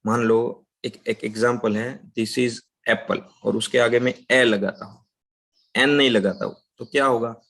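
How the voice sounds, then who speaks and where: Gravelly man teaching grammar. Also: medium pitch, fairly even intonation, fairly bright tone. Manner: explains slowly, asks "right?" often, speaks English examples slowly. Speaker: English teacher. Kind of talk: spoken grammar lesson.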